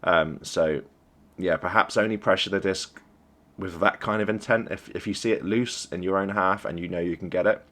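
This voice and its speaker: A man's voice: deep voice, normal speed, hardly any pauses, a bit bright. A young man coaching a team while reviewing a game replay, encouraging and conversational. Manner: encouraging, conversational, praises plays. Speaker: esports coach.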